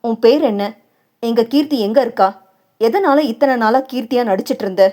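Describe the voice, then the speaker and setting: A woman voicing a young husband who speaks firmly and reproachfully, warning and calming his wife. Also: a little high, fairly quick, natural voice. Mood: stern. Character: stern young husband, firm but caring.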